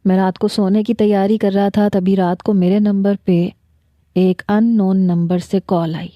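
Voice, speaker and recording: A woman reading her own novel aloud, narrating in the first person with a calm storytelling manner. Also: mid-range voice, no room sound, lo-fi sound.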